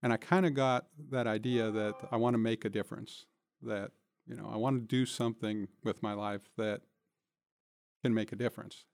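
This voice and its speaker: As an interview guest in the studio, an older city manager approaching retirement reflects in a plain, conversational manner. He speaks at a normal speed in a steady, lowish voice that's gravelly and darkish, with no room sound.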